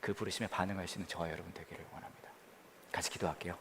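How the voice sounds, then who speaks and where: A man preaching as a pastor, telling a story with quoted voices and dropping to a hush near the prayer. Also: deep voice, fairly even intonation, racing, in a large hall, a little hiss or hum. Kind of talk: sermon. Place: church during the pandemic.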